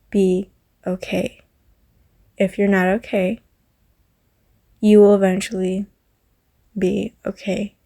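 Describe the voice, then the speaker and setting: A woman's voice: mid-range voice, dark tone. A woman YouTuber giving her viewers an earnest, rambling heartfelt message, repeating herself for emphasis. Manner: rambling with many fillers. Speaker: Roblox YouTuber.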